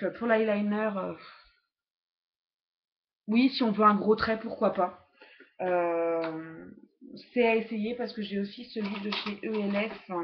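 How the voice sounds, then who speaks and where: Chatty woman on a lo-fi webcam. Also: mid-range voice. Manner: hesitant, many fillers and restarts, chatty. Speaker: beauty vlogger. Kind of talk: casual makeup haul review. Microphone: laptop webcam. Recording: lo-fi laptop webcam audio.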